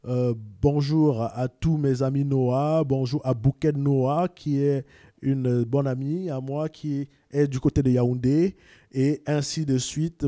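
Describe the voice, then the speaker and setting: Mellow-voiced Cameroonian man explaining. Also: mid-range voice, no echo, studio quality. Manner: repeats words, sends greetings to viewers. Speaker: video presenter. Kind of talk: casual explanatory talk.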